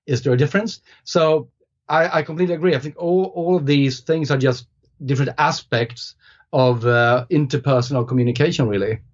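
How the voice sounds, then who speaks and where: A native Swedish man, guest author on a casual podcast, speaks briskly in a mid-range voice. His delivery is thoughtful and hesitant, full of restarts and fillers. The recording is slightly muffled, with a dull lo-fi sound.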